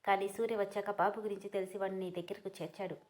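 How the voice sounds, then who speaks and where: A woman voicing an apologetic older father in a storybook reading, gently soothing his daughter. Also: medium pitch, level tone, fast talker, slight background noise, close to an everyday voice.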